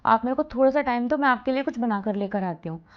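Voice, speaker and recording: A woman's voice: fairly high pitch, fast, lightly acted. An actress playing a headstrong young married woman who complains indignantly to her mother in a scripted family drama. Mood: caring. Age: young adult. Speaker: married daughter. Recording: slightly dull lo-fi recording.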